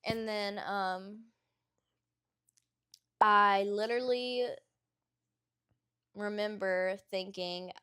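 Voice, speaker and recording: A young woman in her twenties co-hosting a podcast. She talks loosely and candidly, rambling and filling gaps with fillers. Her voice sits at an everyday middle pitch. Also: steady tone, very slow, long pauses, pushed and bright, smooth. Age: young adult. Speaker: podcast co-host. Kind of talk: casual chat.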